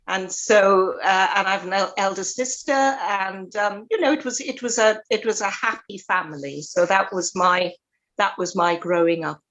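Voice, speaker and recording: An older woman from Swansea, a retired minister chatting as a podcast guest, speaking thoughtfully with many pauses and restarts. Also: mid-range voice, fairly bright tone, low-quality recording. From Swansea, South Wales. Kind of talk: casual interview chat.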